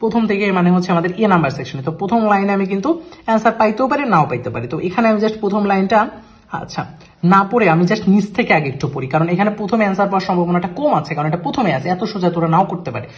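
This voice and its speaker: A man teaching an IELTS reading lesson, talking through the steps in Bengali and reading the English phrases out slowly. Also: sits high, lively intonation. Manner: switches between Bengali and English terms, reads English phrases slowly. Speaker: IELTS tutor. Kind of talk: screen-share lesson walkthrough.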